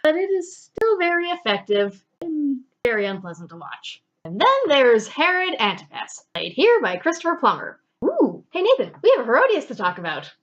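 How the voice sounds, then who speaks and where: Woman, film review co-host, lively and playful, slightly high voice, muffled lo-fi recording. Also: normal speed, few pauses. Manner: animated, playful asides. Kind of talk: casual review chat. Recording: dull lo-fi recording.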